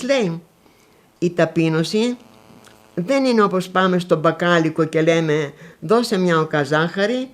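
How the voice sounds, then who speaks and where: Elderly woman telling old stories. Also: on the low side. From Konitsa area, northwestern Greece. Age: older. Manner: lively storytelling, acting out remembered dialogues. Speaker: interviewee. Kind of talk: recounting memories.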